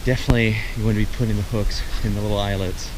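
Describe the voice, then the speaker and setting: A man's voice: fairly low pitch, very fast, background noise. A man talking casually to viewers about his fishing as he paddles a kayak on a pond. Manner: relaxed, chatty, talking to viewers while fishing. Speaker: fishing vlogger. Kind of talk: casual outdoor narration.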